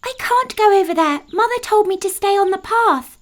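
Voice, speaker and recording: A woman's voice: extremely high pitch, lively intonation, brisk, pitched above the performer's own voice. A woman voicing an innocent, polite and clever little girl, sweet and earnest, in a children's fairytale. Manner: sweet, bright-eyed, earnest. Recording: music under the voice.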